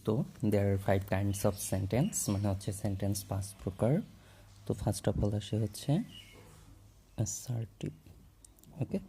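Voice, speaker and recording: A man's voice: lowish voice, level tone, a little slow, pauses often, mellow, a little hiss or hum. A man explaining English grammar in a casual classroom way, mixing in English terms and checking in with "okay?" often while he writes. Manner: writes on a board while talking.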